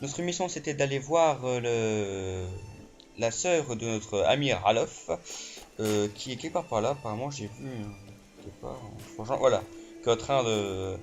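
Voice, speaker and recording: Excitable swearing gamer guy. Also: mid-range voice, measured pace. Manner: excitable, swears, many fillers. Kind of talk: let's play commentary. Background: game music.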